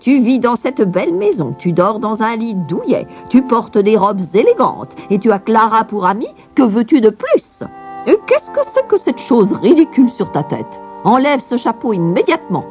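A woman's voice: medium pitch, wildly swooping pitch, normal speed, a little mellow, voice pushed up. A woman voicing a strict, haughty governess in a storybook, scolding and disdainful. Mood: indignant. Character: stern, haughty female governess. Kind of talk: storybook reading. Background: music.

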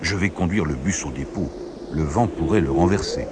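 A man's voice: low voice, moderate pace, very noisy, close to an everyday voice. A man voicing a cautious male bus driver who mutters about the weather, with music underneath. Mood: worried.

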